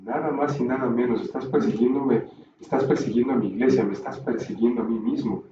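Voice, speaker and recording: A man teaching a Bible class, explaining calmly and tossing in rhetorical questions, recorded from a distance in a roomy space. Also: mid-range voice, a little fast, dull audio, background noise.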